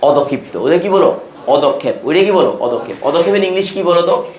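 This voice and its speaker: A man's voice: on the high side, expressive, fast, roomy sound. A man from Bangladesh giving a chemistry lecture in class, often asking students questions and repeating the key terms. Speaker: chemistry teacher.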